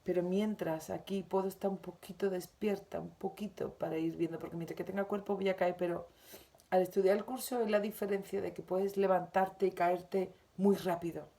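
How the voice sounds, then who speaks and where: Mujer de voz grave y ronca, tono suave y reflexivo. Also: female voice, lowish voice, fairly even intonation, moderate pace, vocal fry, mellow. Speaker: spiritual teacher. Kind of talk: reading and commenting on a daily spiritual lesson.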